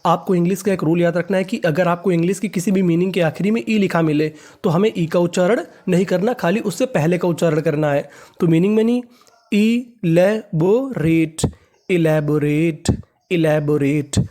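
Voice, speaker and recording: A man teaching English reading in a class. He spells out words, asks what they are read as, answers himself, and repeats each word slowly several times. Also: high-pitched, mellow. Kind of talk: classroom lesson.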